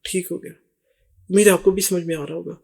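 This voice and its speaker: A man with a high voice hosts a relaxed talk. He explains song lyrics word by word and lingers on each phrase as he repeats it. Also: gravelly, slightly rough. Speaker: host translating song lyrics. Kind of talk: casual explanatory chat.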